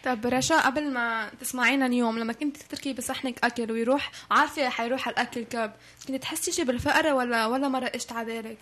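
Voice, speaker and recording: A woman's voice: on the high side, fairly even intonation, very fast, hardly any pauses, a bit bright. A woman with a Levantine Arabic accent, speaking conversationally as an interview guest. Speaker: studio guest from a charity project.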